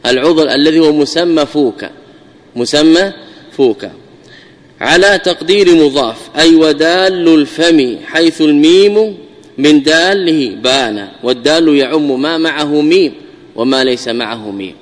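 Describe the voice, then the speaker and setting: A man's voice: on the high side, normal speed, big-room sound. A man giving a classical grammar lesson, often repeating key words and answering his own questions. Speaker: Islamic scholar teaching Arabic grammar.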